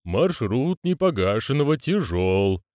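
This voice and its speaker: A male reader voicing a solemn ceremony master who speaks slowly and commands. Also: medium pitch, big pitch swings, a little mellow, dry recording, clean studio sound, voice pushed up. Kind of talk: audiobook character voicing.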